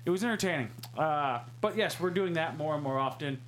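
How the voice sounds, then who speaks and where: Slightly high-voiced man hosting, faint hum. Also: expressive, brisk, a bit bright. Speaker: podcast host. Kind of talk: casual rambling chat.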